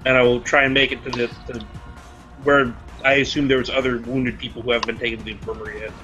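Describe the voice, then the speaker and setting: A man's voice: mid-range voice, level tone, quick pace, over music. A man playing a tabletop role-playing game, joking and talking through his character's actions. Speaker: player. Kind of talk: casual tabletop role-play chat.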